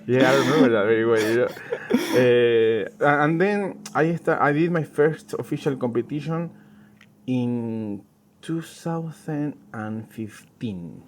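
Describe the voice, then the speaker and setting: Outdoors in a garden, with noisy ambience in the background, a middle-aged tango dancer and teacher from Argentina is being interviewed. He's a native Spanish speaker with a medium-pitched voice and an Argentine accent, talking casually and haltingly.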